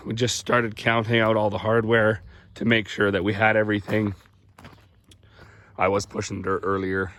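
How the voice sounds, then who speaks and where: A young man from Canada, a farmer, talking casually in a rambling, folksy, plain-spoken way while hoarse from losing his voice, outdoors on his farm. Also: lowish voice, a bit bright, dry recording. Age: young adult. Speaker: farmer vlogger.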